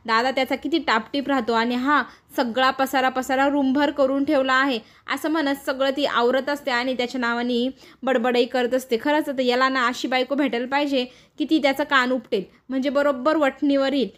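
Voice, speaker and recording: A woman briskly retelling a TV serial episode as a story, slipping into the characters' quoted lines as she goes. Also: high-pitched, fairly even intonation. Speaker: serial recap narrator.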